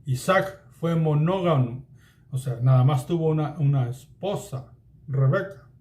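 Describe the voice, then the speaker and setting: A Bible teacher with a high voice delivers a Bible study sermon at an unhurried pace, speaking earnestly and warmly calling his listeners beloved. The space around him is roomy and echoey, making his voice ring.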